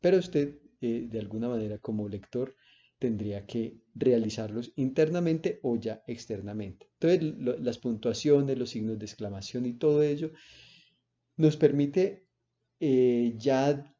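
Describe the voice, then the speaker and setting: Male lecturer, very dark warm voice, seminar talk full of "eh" and "¿cierto?", slightly dull recording. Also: mid-range voice, measured pace. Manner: explains with spoken examples and frequent "¿cierto?" and "eh".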